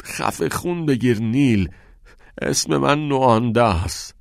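A man's voice: sits low, animated, dry recording, studio quality. A man voicing a defiant teenage schoolboy who answers in strained, choked replies in an audiobook. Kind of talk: audiobook character voice.

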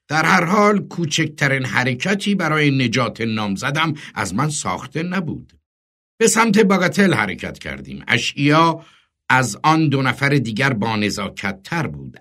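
Expressive male audiobook narrator. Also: medium pitch. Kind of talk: dramatic audiobook reading.

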